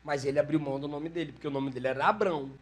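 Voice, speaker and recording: A man preaching a live sermon with a Brazilian Portuguese accent, telling stories with animated delivery. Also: a little high, rapid-fire. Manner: animated storytelling, acting out voices. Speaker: pastor.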